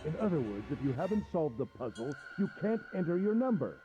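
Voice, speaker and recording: An actor playing a sinister adult gentleman villain in a video game, falsely polite, taunting and cruel. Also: on the high side, very animated, fairly quick, muffled recording, faint music behind.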